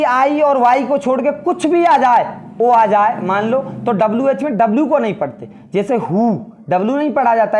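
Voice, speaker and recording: A man teaching English grammar in Hindi, explaining step by step and repeating key words, saying the English sentences slowly. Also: very high-pitched, a little mellow. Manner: often addresses students as brother. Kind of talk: classroom grammar lesson in Hindi.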